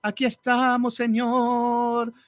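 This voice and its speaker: A man putting on a tearful churchgoer who prays in a sobbing, drawn-out, pleading way. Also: very high-pitched, monotone, no echo, pitched above the performer's own voice. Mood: mock weeping. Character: whiny tearful churchgoer praying theatrically.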